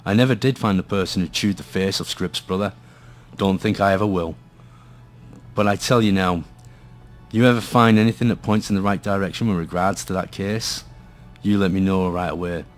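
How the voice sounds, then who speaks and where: A low, fairly even male voice at normal speed, close to how someone talks every day, with soft music underneath. He's an actor playing a gloomy hard-boiled detective in a noir radio play, narrating and talking with brooding drama. The mood is grim and brooding.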